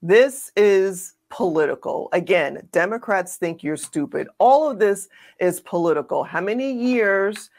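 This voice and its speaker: A woman's voice: medium pitch, animated, unhurried, darkish tone. A woman co-hosting a political commentary show, speaking emphatically and sarcastically and addressing her audience directly.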